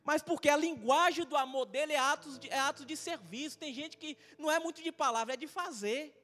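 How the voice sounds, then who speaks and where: A man's voice: extremely high pitch, brisk, sharp tone, long reverb tail. A man with a Brazilian accent, a pastor giving a chatty, humorous sermon full of personal stories and questions to the congregation. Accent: Brazilian Portuguese. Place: church hall.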